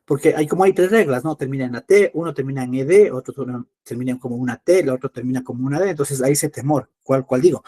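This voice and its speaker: A man teaching an English class in Spanish, patiently repeating words slowly to drill pronunciation. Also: medium pitch, mellow.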